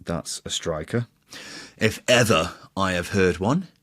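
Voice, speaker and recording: A football podcast host trades playful, teasing banter in a casual quiz chat, cracking jokes and swearing mildly. His voice is deep and a bit bright, and he speaks unhurriedly. There is no echo.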